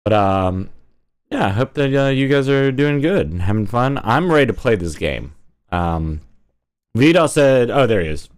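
A man streaming from home in casual chat, jokey and animated, talking to his viewers and his pets. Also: mid-range voice, moderate pace, clean tone. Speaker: streamer and voice actor. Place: at home, indoors.

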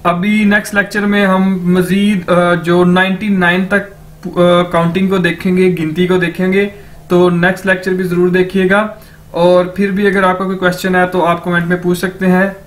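A man's voice: high-pitched, level tone, normal speed, a bit bright. A man teaching a beginner language lesson, patiently explaining pronunciation and repeating each word several times.

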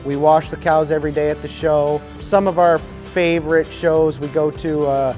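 A man's voice: a little high, flat delivery, normal speed, darkish tone, soft background music. A man in his thirties who looks after show cows, explaining his work in a barn in a plain, friendly way. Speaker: show cow caretaker. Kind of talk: casual explainer to camera. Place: large indoor barn.

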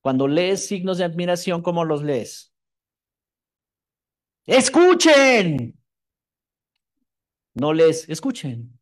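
Man preaching an emphatic sermon, high voice. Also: warm tone. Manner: emphatic, repeats phrases for emphasis, shifts from fast asides to slow stressed words. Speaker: pastor.

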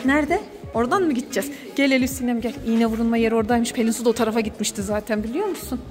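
Fast, high-voiced woman bossing a kid. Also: in a large hall, faint music behind. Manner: bossy, teasing, coaxing a child. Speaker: vlog host playing a mother. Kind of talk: family vlog skit.

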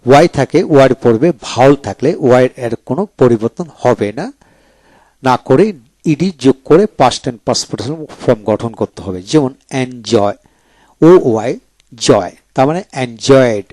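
A man teaching English grammar, slowly repeating each verb form twice as a drill. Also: mid-range voice, darkish tone, dry recording. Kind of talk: slow explanatory lesson.

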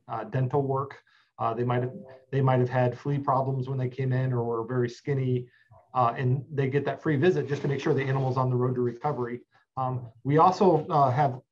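Give me a man in his forties calmly explaining things on a video call, slightly muffled sound. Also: mid-range voice. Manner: steady, informative, many "uh" fillers. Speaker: animal shelter representative. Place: office with plain wall.

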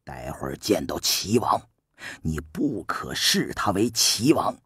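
A man voicing a shrewd, calm male strategist who talks low and softly coaxes. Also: slow, slightly rough, no room sound, studio quality, exaggerated voice. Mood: coaxing. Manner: low, soft, patiently coaxing.

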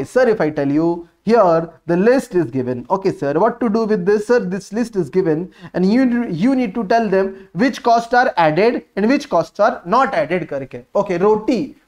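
A man with a distinctly high-pitched voice and a North Indian accent teaches exam technique. He speaks English as a native Hindi speaker, mixing in Hindi words. His delivery is instructive, with key phrases repeated and questions he puts to himself. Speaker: accountancy teacher. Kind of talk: lively classroom exam coaching, working through problems.

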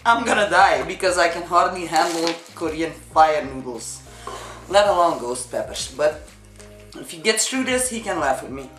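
A woman's voice: fairly low pitch, lively intonation, moderate pace, fairly bright tone. A woman in her thirties chatting casually as host of a home challenge video. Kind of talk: casual chat. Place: indoor wood-cabinet room. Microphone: camera across the table. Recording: roomy echo, faint music.

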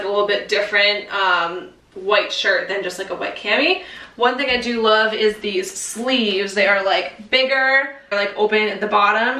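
A woman's voice: mid-range voice, bright, forceful tone. A young woman vlogger chatting casually about her clothes, with lots of "like" and "um", recorded in a half-empty room that echoes. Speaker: fashion vlogger. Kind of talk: casual haul chat. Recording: echoey bare room, voice far from mic.

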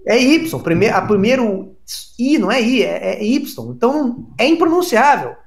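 A man hosting a comic sports chat, correcting his co-host in a deadpan, mock-formal way. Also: extremely high pitch, measured pace. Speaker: comedy show host.

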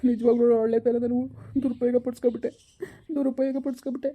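A woman's voice: fairly high pitch, level tone, fast talker, phone-quality sound, natural voice. A woman playing a young man mourning his dead lover, with a sorrowful, withdrawn manner. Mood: grieving. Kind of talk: village skit acting.

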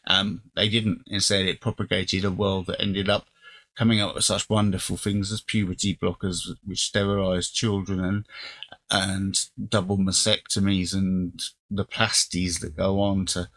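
Male host, lowish voice, unscripted opinion monologue with frequent restarts. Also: little pitch movement, measured pace, fairly bright tone.

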